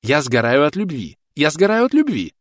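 A man putting on a shrill, indignant schoolteacher lady. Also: sing-song, fast talker, no echo. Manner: shrill, huffy and outraged. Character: prim indignant female schoolteacher.

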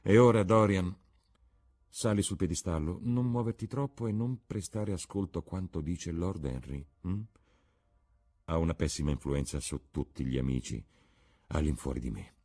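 A man voicing a serious, reserved painter, speaking low and quiet with a husky voice. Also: normal speed. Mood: earnest. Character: earnest painter, grave, reticent man.

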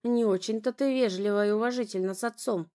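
A woman's voice: mid-range voice, fast, lightly acted. A woman doing a furious domineering father. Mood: cold. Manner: harsh, shouting, contemptuous. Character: angry domineering middle-aged father.

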